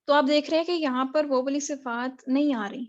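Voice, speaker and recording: A woman with a Pakistani accent teaching a recitation class online. She spells out and repeats syllables slowly and patiently. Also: sits high, steady tone. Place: home room on a video call. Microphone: video call mic. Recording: dull lo-fi video call audio.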